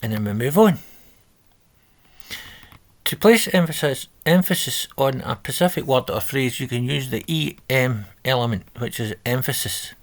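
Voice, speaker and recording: Gravelly man talking through code. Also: mid-range voice, animated, moderate pace. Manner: thinking aloud, self-correcting, reading instructions. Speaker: coding tutor. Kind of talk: screen-recorded coding walkthrough. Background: keyboard typing.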